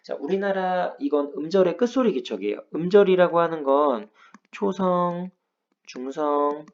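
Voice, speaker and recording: A man's voice: a little high, expressive, unhurried, muffled recording. A man teaching a grammar lesson, explaining rules patiently step by step and checking in with his students. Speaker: Korean language teacher.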